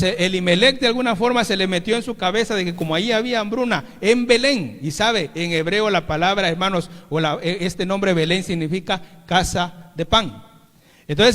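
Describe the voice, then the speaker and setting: High-voiced man preaching in a reverberant hall. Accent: Mexican Spanish. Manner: preaching with frequent "hermanos", swings between loud and soft. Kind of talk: sermon. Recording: long reverb of a church hall.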